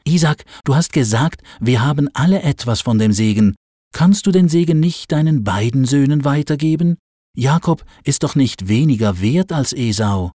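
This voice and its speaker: A man's voice: mid-range voice, expressive, normal speed, mellow, dry recording, clean studio sound, voice pushed up, natural voice. A man voicing an insistent, scheming mother in a Bible story. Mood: pleading. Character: determined scheming mother, pleading.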